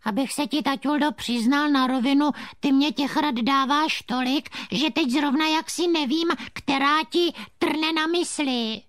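Hurvínek, a squeaky cheeky boy. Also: hardly any pauses, a bit bright, no echo, studio quality. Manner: innocent, cheeky wordplay. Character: cheeky, naive little boy puppet, son. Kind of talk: comic puppet theatre dialogue.

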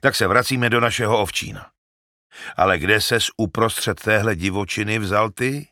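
A man voicing a talkative, excitable old male shepherd in an audiobook, loud and emphatic. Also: lowish voice, dry recording, studio quality. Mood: eager. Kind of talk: audiobook character reading.

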